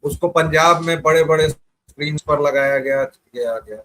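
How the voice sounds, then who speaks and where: Male host setting up a topic on his show, steady and methodical, voice a bit on the high side. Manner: measured, building a case. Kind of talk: political talk show discussion.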